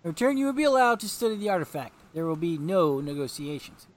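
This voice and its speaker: A man's voice: a little high, very animated, fast. A man reading a game's dialogue aloud, voicing a cold male mercenary leader who firmly dictates terms. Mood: demanding.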